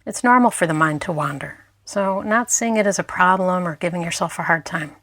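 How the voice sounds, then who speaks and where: Her voice fairly low, a woman who teaches mindfulness talks listeners through a meditation at an unhurried, soft pace. She leaves gaps between her phrases, and the audio is dry.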